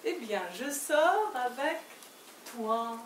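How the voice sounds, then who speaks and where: An actress playing an evasive, exasperated wife in a stage play, quick and dismissive in her replies. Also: on the high side, lively intonation. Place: theater stage. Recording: roomy, distant stage recording with faint hiss.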